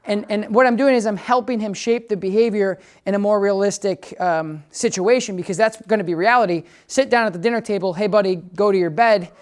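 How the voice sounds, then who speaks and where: A man working as a dog trainer, casually explaining his method to viewers and breaking into high, upbeat praise and commands for the dog. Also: a little fast, hardly any pauses, clean tone. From United States. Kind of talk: instructional training demo. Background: background music.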